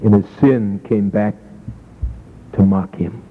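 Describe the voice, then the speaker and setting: A man preaching an evangelistic sermon, telling the story dramatically and dropping from loud to hushed. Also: fairly low pitch, fairly even intonation, takes it slowly, slightly rough. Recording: tinny lo-fi echoey hall.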